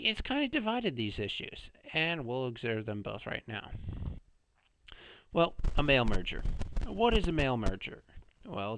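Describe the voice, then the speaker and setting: A man's voice: mid-range voice, a bit bright, low-quality recording. A man giving a casual class presentation in a sarcastic, playful, jumpy way. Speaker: student presenter.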